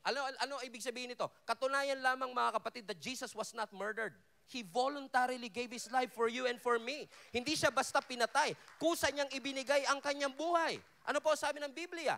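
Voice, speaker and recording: A male pastor from the Philippines delivers an energetic sermon, his bright voice sitting high and leaping across a wide range. He teases the congregation, then sinks to a hushed, low delivery for quoted words. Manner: animated preaching, drops low and soft for quoted lines, jokes with the crowd. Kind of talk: Taglish sermon at a worship festival. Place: large hall at a worship event.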